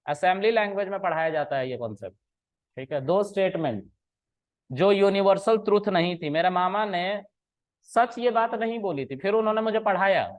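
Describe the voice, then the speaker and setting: A man's voice: high-pitched, animated, moderate pace. A man giving a casual programming lesson, telling a personal story in a conversational way, often checking in with his listeners and mixing English phrases into his talk. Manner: conversational, frequent "ठीक है" and "है ना" checks; mixes English phrases into Hindi. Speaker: programming teacher. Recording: tinny phone-like audio.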